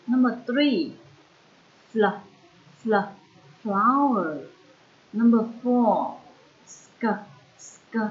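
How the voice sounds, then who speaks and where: A woman with a Vietnamese accent teaching an English lesson to children, drilling sounds slowly and switching between English and Vietnamese. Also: mid-range voice, highs cut off.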